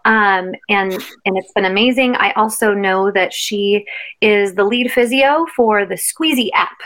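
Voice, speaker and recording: A woman's voice: mid-range voice, a little slow, a bit bright, rough recording. An American woman chatting casually as a podcast co-host, recorded at home in a bedroom.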